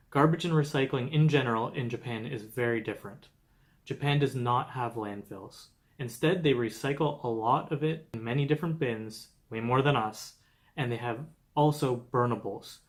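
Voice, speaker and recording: A young man from Canada narrating a scripted travel vlog, explaining things steadily with light humor. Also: mid-range voice. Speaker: travel vlogger.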